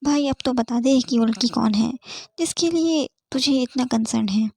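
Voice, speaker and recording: Lady doing teasing young doctor dude, playful chatty storybook voice, highish. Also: normal speed, gravelly, a little mellow, dry recording, clean studio sound. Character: teasing cheerful young male doctor friend. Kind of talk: audiobook character voice.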